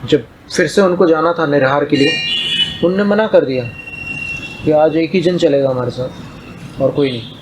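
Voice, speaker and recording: Higher-voiced man telling a sermon story. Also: moderate pace, long pauses, a little hiss or hum, poor audio. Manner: calm narrating, retelling dialogue in plain speech. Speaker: preacher.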